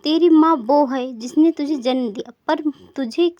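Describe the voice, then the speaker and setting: A woman reads the lines of a bitter, stubborn old mother-in-law who scolds in a high, insistent voice. The sound is dry and a little dull, with no room around it. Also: unhurried, dark tone, no echo.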